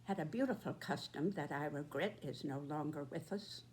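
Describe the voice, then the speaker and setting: A woman in her nineties giving a reflective, earnest address in short, halting phrases. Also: sits low, darkish tone, slight background noise. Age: 90s. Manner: very old person's slow, halting delivery in short phrases.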